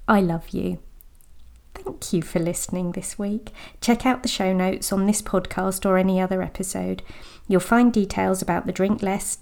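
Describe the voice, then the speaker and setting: Gentle woman with a gravelly voice. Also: mid-range voice. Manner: gentle, deliberate, with slow emphatic words. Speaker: podcast host and sobriety coach. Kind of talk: reflective podcast monologue.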